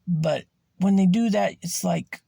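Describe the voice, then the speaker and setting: A man's voice: high-pitched, gravelly, warm tone, slightly rough, no room sound, studio quality. A man hosting a podcast, talking through a personal story in a raw, emphatic way, swearing freely and drawing words out for emphasis. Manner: slows and stretches words for emphasis. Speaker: podcast host. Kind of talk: candid personal monologue.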